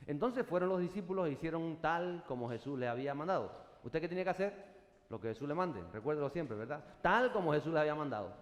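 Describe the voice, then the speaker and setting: Man, pastor, preaching a sermon, slightly high voice, long echo of a large hall. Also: animated, quick pace. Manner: preaching with bursts of shouted acclamations. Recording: echoey hall, long reverb.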